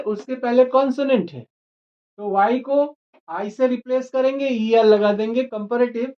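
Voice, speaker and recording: A man teaching an English grammar lesson, explaining rules step by step and spelling words out letter by letter. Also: very high voice. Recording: dull lo-fi recording.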